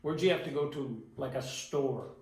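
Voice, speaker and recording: A man's voice: mid-range voice, moderate pace. A man asking casual questions as an interviewer. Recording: echoey room, distant microphone.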